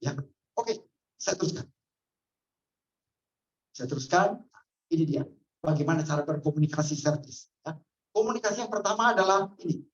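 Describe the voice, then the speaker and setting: Woman trainer lecturing in echoey room. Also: medium pitch. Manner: interactive, quizzes the audience. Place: training hall. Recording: echoey, dull lo-fi room sound.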